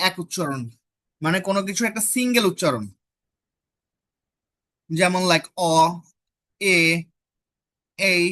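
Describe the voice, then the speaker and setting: A woman teaching an online phonetics class, asking students questions and repeating vowel sounds slowly to model them. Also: lowish voice, a bit bright.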